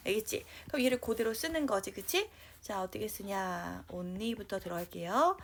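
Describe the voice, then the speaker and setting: A woman gives an online high school English grammar lecture in a lively way, regularly checking in with her students. As she writes English sentences, she reads them out slowly.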